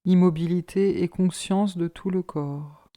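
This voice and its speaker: A woman guides a yoga relaxation session as the instructor, speaking in a calm, measured, soothing way with a fairly low pitch.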